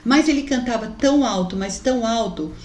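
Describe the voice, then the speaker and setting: A woman's voice: a little high, a little fast, a little mellow. A woman giving an emotional faith testimony as a mother, fervently addressing listeners as brothers. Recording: roomy echoey recording.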